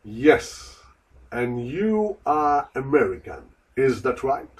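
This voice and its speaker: Slow, careful man repeating lesson lines. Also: medium pitch, big pitch swings, distant mic, rough recording. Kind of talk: slow repeat-after-me drills.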